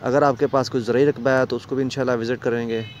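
A man's voice: medium pitch, flat delivery, quick pace, a little hiss or hum. A man with a Pakistani Urdu accent gives a walking tour of a rental house. He talks in a salesy way and keeps pointing things out to the viewer. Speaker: property dealer giving a house tour. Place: large empty house, indoors and on stairs. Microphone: phone camera held while walking.

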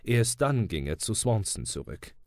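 Low-voiced German audiobook narrator, man. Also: normal speed, gravelly, dry recording, studio quality. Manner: steady, dramatic storytelling. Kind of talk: audiobook reading.

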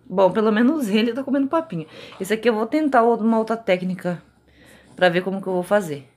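A woman's voice: mid-range voice, fairly quick, a little mellow. A woman with a Brazilian Portuguese accent, a mother of twins chatting casually in a home vlog and talking sweetly to her babies.

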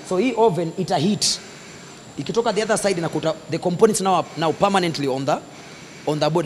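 Fast-talking Kenyan man giving a factory tour. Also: a little high, a little mellow, slight background noise. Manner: mixes Swahili and English, points and gestures while explaining. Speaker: factory guide. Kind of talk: casual guided tour explanation. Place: large indoor electronics factory floor. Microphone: handheld mic held by interviewer.

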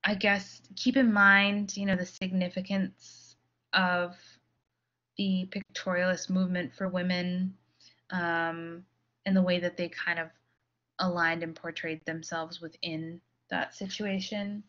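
Woman lecturer, low bright voice, lots of ums and restarts, kinda dull recording. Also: level tone. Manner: halting, many fillers and restarts. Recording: slightly dull audio.

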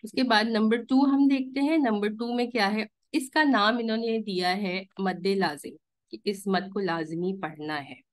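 Female online recitation teacher; unhurried, patient, keeps checking understanding over a call. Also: medium pitch. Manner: patient, explains step by step with frequent "theek hai" checks; stretches recited vowels to counted lengths. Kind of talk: live online class instruction.

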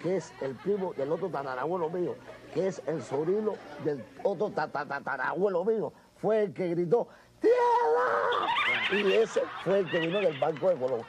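A man's voice: on the high side, fairly quick. A comedian in a sketch, faking a Spain Spanish while he rambles through laughing, roundabout explanations. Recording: noisy background.

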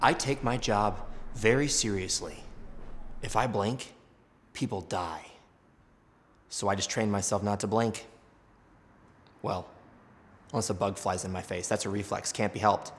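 A man's voice: fairly low pitch, unhurried, pauses often, a little hiss or hum, close to an everyday voice. Man as an earnest, paranoid bodyguard, roomy sound. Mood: solemn. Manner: solemn, defensive. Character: earnest, paranoid, dim-witted male bodyguard. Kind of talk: scripted comedy acting.

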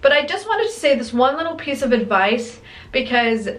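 A woman's voice: sits high, very animated, moderate pace. Chatty young woman vlogging at home. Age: young adult. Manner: chatty, upbeat, with frequent "like" fillers. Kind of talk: casual vlog talk to camera.

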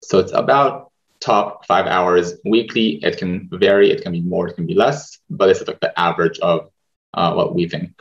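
A young man hosts an online webinar at an easy pace, pausing on "uh" often. His voice sits very low. The video-call audio sounds a little dull. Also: gravelly. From Israel. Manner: relaxed, hesitant with many fillers. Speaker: webinar host, medical student. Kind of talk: presenting a webinar over slides. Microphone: video call webcam.

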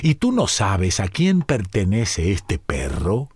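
A man voicing a fierce old male colonel with a booming, gruff way of asking. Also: huge pitch swings, slow pace, a little mellow, no room sound, studio quality, full character voice.

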